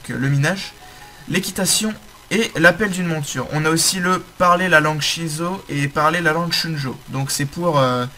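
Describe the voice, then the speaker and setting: A young man giving a game tutorial commentary, halting often with fillers and correcting himself as he explains the screen. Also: fairly high pitch, bright, forceful tone. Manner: hesitant, many fillers and self-corrections. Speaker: game guide host.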